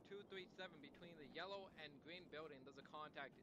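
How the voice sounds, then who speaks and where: A man's voice: on the high side, fast talker, a little hiss or hum, low-quality recording. A sweary man giving casual tactical callouts to his squad in a military game. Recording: game voice chat under loud gunfire.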